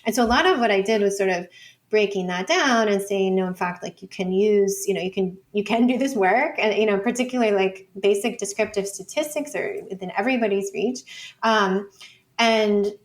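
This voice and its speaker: As an interview guest, a woman who teaches and works as a data scholar thinks out loud while explaining things informally, leaning on "like" and "you know." Her voice is mid-range and her speed normal.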